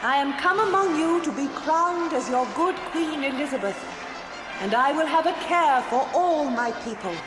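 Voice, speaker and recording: A woman's voice: sits high, expressive, normal speed. An actress playing a regal, commanding English queen in a children's historical drama, declaiming in an English accent. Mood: proclaiming. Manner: stately, declamatory, imperious.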